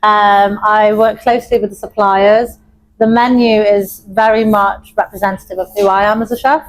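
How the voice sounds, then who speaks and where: A woman's voice: mid-range voice, fairly even intonation, moderate pace, poor audio. A young adult woman from Wales, a chef and pub owner, talking in an interview with enthusiasm and frequent laughter. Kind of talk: interview conversation.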